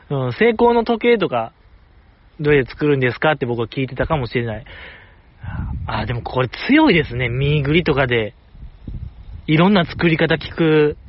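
A man with a fairly high voice, heard in lo-fi sound, hosts a relaxed podcast on his own. He rambles on with fan enthusiasm, gently joking about himself along the way.

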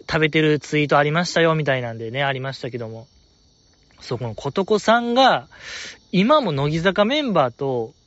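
Animated Kansai-accented man, enthusiastic rambling. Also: fairly high pitch, no echo, dull audio. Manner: enthusiastic, rambling, lots of fillers. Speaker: podcast host reading listener letters. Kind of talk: casual fan chat.

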